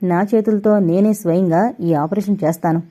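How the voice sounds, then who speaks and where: A woman's voice: lowish voice, steady tone, moderate pace, lightly acted. Woman doing a sneering cruel male villain. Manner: loud, sneering, shouting.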